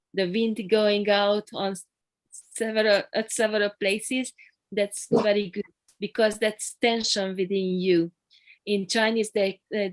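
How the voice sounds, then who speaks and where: A woman qigong teacher leading an online group class over a video call, explaining calmly with soft encouraging murmurs. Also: mid-range voice, no room sound.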